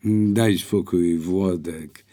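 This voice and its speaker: A man reading an audiobook, voicing a bold young woman who speaks lively and persuasively. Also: low-pitched, takes it slowly. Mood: eager.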